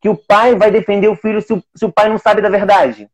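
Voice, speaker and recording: A man's voice: high-pitched, fairly even intonation, fast talker. A man talking casually in a live video chat as an adoptive single father, rambling with many restarts. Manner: rambling, many restarts, quoting his own talks with his son. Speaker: teacher of young children.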